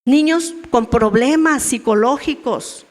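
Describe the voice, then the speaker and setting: A middle-aged woman gives a chatty church teaching to a group of women. Her voice sits fairly high, and she keeps checking in with her listeners through questions. The sound carries a long echo from the church hall. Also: slow. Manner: conversational, asks the audience questions. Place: church meeting room.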